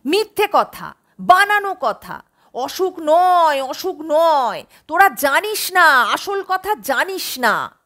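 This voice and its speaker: Rich: A distraught older mother in an audio story, bitter and mocking, as a woman narrator puts her on. Her voice shoots up very high and leaps about, slow and bright-edged. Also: wildly swooping pitch, exaggerated voice. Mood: anguished, scornful. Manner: shrill, scornful outbursts. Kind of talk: audiobook character voice.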